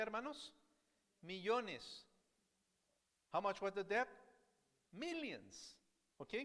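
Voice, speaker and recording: A man's voice: a little high, big-room sound. A man preaching a sermon as pastor, switching between Spanish and English and repeating each point, often asking the congregation questions. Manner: animated, asks the congregation questions. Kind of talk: bilingual sermon, preaching and self-translating. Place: church sanctuary.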